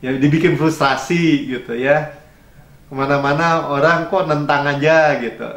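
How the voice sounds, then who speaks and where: A man's voice: fairly high pitch, steady tone, normal speed, a bit bright, roomy sound. A man preaching a sermon as pastor, conversational and chuckling, slipping English phrases into his talk. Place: church.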